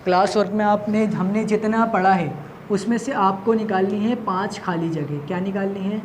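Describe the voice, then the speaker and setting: A woman's voice: medium pitch, fairly even intonation. A woman teacher from Pakistan with a Pakistani Urdu accent, giving a recorded lesson to children, asking questions and answering them herself. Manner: asks questions and answers them herself, repeats key points. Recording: faint background noise.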